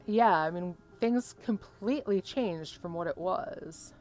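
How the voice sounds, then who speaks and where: A woman's voice: fairly low pitch, takes it slowly, a little mellow. A woman commentating casually on a game as a streamer, reading dialogue choices aloud. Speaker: gaming streamer.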